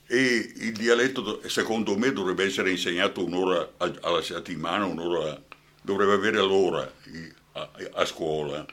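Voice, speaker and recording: A man's voice: sits low, moderate pace, fairly bright tone. An older man with a Brescian accent, an actor guest in a radio interview, talking passionately and often asking "hai capito?".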